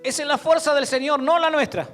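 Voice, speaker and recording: A man with a Rioplatense accent preaches a sermon in a strikingly high voice. He builds from storytelling to loud, fervent exhortation. His words ring out through a reverberant church hall over faint music. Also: steady tone, a little fast. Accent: Rioplatense Spanish. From Argentina. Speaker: pastor.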